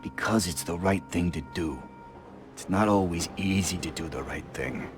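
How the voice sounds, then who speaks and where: An actor playing a gruff, middle-aged veteran police officer in a video game, lecturing in a stern, fatherly way. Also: sits low, moderate pace, over music, close to an everyday voice.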